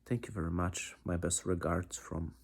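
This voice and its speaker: Polish-accented man, composer introducing himself from his studio; low, husky, halting delivery. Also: steady tone. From Poland. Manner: halting, searching for words, frequent restarts. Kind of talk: self-introduction monologue. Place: home studio.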